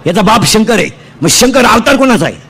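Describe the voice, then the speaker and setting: A man with a Marathi accent delivers a comic devotional sermon into a stage microphone, his voice high and loud as he fires questions at the crowd. Faint background noise sits under him. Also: very animated, a little fast. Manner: loud, quizzing the audience, singsong mimicry. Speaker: kirtan preacher. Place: outdoor pavilion before a crowd.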